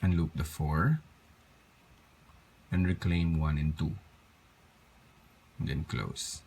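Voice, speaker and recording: Tired male tutor, low-pitched and unhurried, walks through steps by counting and correcting himself. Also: fairly even intonation, gravelly, darkish tone, a little hiss or hum. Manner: counts steps aloud, apologizes for slips. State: tired, yawning. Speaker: craft tutorial host. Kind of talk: step-by-step craft tutorial.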